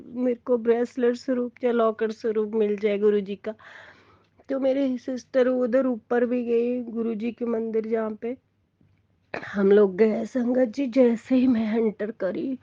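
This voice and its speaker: A middle-aged woman, giving a slow, tearful, heartfelt devotional testimony. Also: fairly high pitch, dry recording, highs cut off. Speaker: devotee sharing a satsang testimony. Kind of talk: emotional personal testimony.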